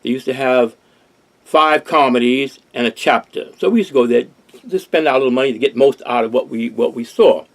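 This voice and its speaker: A man's voice: mid-range voice, a little fast. An older man, hosting a casual discussion in an earnest, rambling way with many restarts. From Harlem, New York. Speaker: host.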